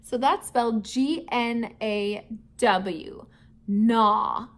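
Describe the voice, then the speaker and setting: A female teacher with a slightly high voice draws out her words while playfully running a vocabulary lesson and reading a storybook aloud to schoolchildren. She talks straight to her listeners, asking them questions and chuckling often.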